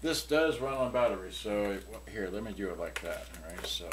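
Speaking a little fast with lively intonation, this older seller has a voice on the low side as he gives an offhand, meandering demo of secondhand electronics. The setting is a cramped, cluttered workshop indoors, noticeably noisy and punctuated by switch clicks.

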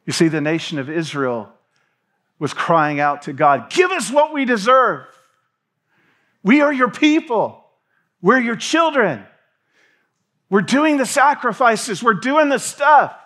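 A man's voice: sits high, slow pace, long pauses. A man in his thirties preaching a sermon from a church stage, reading scripture and gesturing as he speaks. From Tennessee. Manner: preaching with hand gestures, animated pacing, reads scripture aloud. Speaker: pastor.

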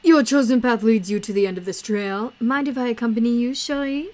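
A woman's voice: on the high side, brisk, darkish tone, natural voice, rough recording. A woman reading the lines of a formal, eloquent male traveler who dreams of founding a circus.

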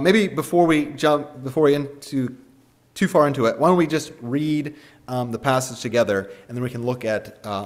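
A man preaching a casual sermon in a chapel, talking in a loose, conversational way with plenty of fillers. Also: mid-range voice. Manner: conversational, chatty, many fillers. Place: church or chapel.

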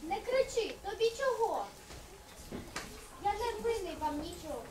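A woman's voice: very high voice, sing-song, measured pace, exaggerated voice. A woman playing a pushy male peddler in an amateur nativity puppet play, with rhyming sales patter. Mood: defensive. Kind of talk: amateur puppet theatre acting. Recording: echoey hall, distant, loud crowd noise.

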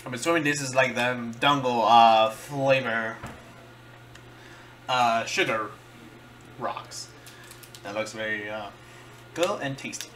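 Man, casual tasting vlog, bright tone, halting, fillers, talks while chewing. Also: medium pitch, a little hiss or hum. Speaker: vlogger.

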